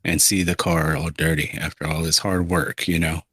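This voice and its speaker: Man, very deep voice, podcast co-host, relaxed teasing chat, dry sound. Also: breathy edge, dry recording. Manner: laid-back, teasing, quick backchannel replies. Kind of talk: casual chat.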